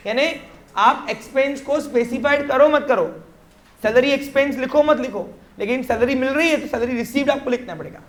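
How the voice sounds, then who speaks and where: A commerce teacher with a very high, brisk voice lectures in an echoing classroom, walking through the material step by step. He blends English terms into his Hindi and frequently tests students with quick questions.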